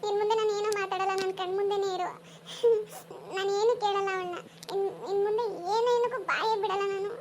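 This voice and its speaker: A woman voicing a shrill, clingy cartoon mother. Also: steady tone, brisk, a little mellow, slight background noise. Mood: tearful. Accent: Kannada. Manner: pleading, emotional, scolding toward her daughter-in-law. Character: aging mother, clingy, pleading, devoted to her son. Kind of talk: cartoon dubbing.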